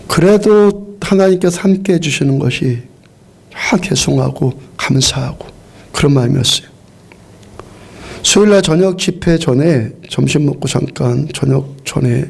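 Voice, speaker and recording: A middle-aged man preaching in a church sanctuary. His voice is mellow and gravelly with a husky edge. He tells his story earnestly, often repeating and restarting his phrases. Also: mid-range voice. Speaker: pastor. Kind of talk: sermon.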